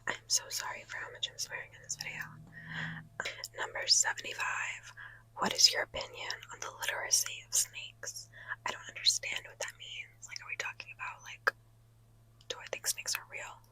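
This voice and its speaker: A woman's voice: moderate pace, bright, forceful tone, dry recording, low-quality recording. A woman, a mother with young children, whispering through an ASMR question list in a chatty, rambling, easily flustered way from inside a parked car. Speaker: ASMR creator. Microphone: phone.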